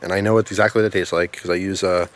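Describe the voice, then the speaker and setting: Very low-voiced man, casual reviewer. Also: little pitch movement, rapid-fire. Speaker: pipe tobacco reviewer. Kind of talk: casual product review vlog. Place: outdoors in the snow in winter.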